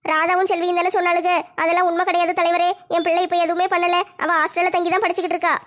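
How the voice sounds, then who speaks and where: A high, rapid voice of a poor village mother, as a woman acts her out, begging the village head for mercy. Her pitch stays narrow and level, and the words tumble out quickly. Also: monotone, a bit bright. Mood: pleading. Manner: pleading, apologetic, speaks fast and high. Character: tearful poor village mother, pleading and meek. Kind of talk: family comedy skit.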